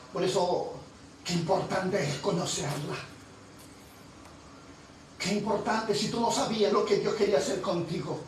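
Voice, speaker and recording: A woman pastor preaching a fervent sermon, building to loud, emphatic peaks. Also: on the low side, very echoey, recorded from a distance, slight background noise, low-quality recording.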